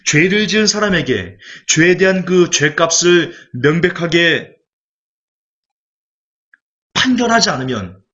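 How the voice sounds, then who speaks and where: A male evangelist preaching a sermon, animated and full of rhetorical questions to the congregation. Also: on the high side. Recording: dull lo-fi recording.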